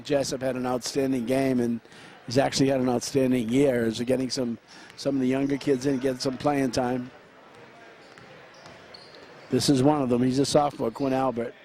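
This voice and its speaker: A man calling play-by-play for a high school basketball game, running through quick action with frequent fillers and restarts. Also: little pitch movement, mellow, slight background noise. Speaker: play-by-play announcer.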